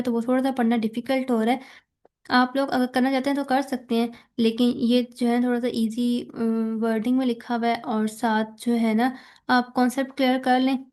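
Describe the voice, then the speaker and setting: Pakistani-accented female lecturer, slightly high voice, patient step-by-step explanations with English terms mixed in. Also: darkish tone. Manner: explains step by step, mixing English terms, often checks "theek hai". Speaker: teacher. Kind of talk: recorded lecture explaining slides.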